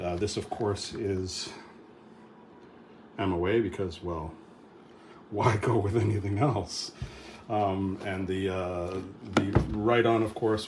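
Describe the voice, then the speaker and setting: A man's voice: fairly low pitch, background noise. A middle-aged man hosting a casual vlog update, rambling with many fillers and restarts. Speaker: firearms channel host.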